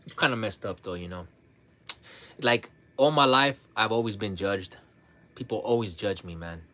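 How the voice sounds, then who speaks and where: A man's voice: lowish voice, normal speed. Man, livestream host, casual blunt talk, swears a lot, says man and bro, restarts often. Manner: relaxed, heavy on "man" and "bro", blunt with frequent cursing.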